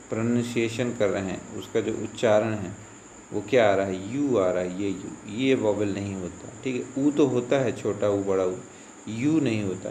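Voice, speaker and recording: A man's voice: fairly low pitch, creaky, darkish tone. A male school teacher explaining English grammar, patiently asking and answering his own questions as he goes. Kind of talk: grammar lesson explained in Hindi. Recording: echoey room with faint insect noise.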